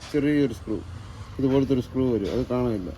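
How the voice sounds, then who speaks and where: A man's voice: medium pitch, fast talker, warm tone, slight background noise, poor audio. A man chatting casually in short, everyday conversational phrases. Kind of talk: casual chat.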